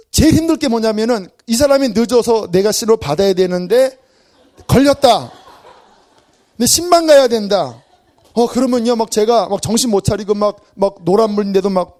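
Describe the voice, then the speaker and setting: A male pastor giving a Friday evening sermon in a church, acting out everyday scenes with self-deprecating humor. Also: high voice. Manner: animated, acts out everyday scenes. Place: church sanctuary.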